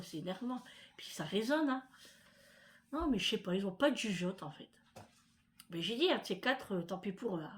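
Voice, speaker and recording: Chatty middle-aged French woman vlogging. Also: mid-range voice. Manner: chatty, rambling, full of fillers and asides. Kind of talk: casual chat to camera.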